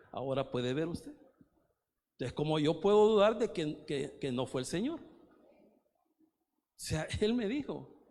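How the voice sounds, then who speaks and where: A man preaching a sermon as pastor, with speech, telling personal stories with emphatic repetition. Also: high voice. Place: church hall. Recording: long hall reverb.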